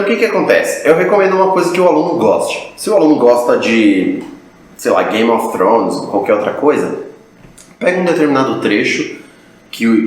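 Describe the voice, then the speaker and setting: A man with a Brazilian Portuguese accent, an English teacher, giving advice in a podcast conversation, repeating phrases for emphasis. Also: mid-range voice. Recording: very echoey room, faint noise.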